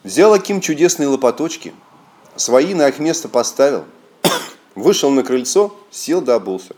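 Мужчина читает народную сказку живо и выразительно. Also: male voice, medium pitch, normal speed. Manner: expressive, animated storytelling. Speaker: storyteller. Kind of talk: fairy tale reading.

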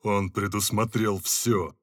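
A man's voice: fairly low pitch, steady tone, takes it slowly, a bit bright, dry recording, studio quality. A man voicing a sly scheming owl. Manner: sly, confiding. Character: scheming old male owl adviser. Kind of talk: audiobook character voice.

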